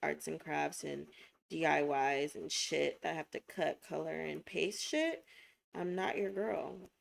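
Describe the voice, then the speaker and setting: Slow, laid-back woman with a gravelly voice. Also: sits low. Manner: laid-back, slangy, laughs often. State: recovering from flu. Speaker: podcast co-host. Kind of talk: casual chat.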